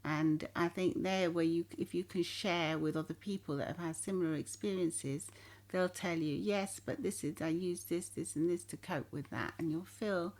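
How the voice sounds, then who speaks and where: A woman's voice: fairly low pitch, normal speed, a little mellow. A woman co-hosting a podcast, talking in a casual, chatty way with frequent laughs and acted-out quotes. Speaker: podcast co-host. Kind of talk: casual chat.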